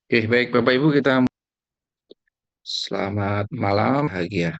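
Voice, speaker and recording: Low gravelly lecturer guy, formal, call cutting out, muffled dry audio. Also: a little slow, dry recording. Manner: formal, addresses class politely. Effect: call audio breaking up on an unstable connection. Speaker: university lecturer. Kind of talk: online lecture. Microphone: video call.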